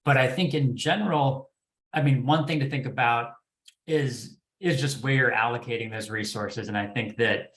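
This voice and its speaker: A podcast development executive speaks off the cuff on a panel, hesitating and repeating words as he thinks. His voice is medium in pitch and fairly bright, at a normal pace, and the room gives the recording an echoing sound.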